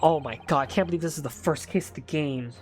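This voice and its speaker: A man's voice: a little high, fast talker, soft background music. A man streaming a game, giving casual commentary as he plays and reads along. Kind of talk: casual playthrough commentary and read-aloud.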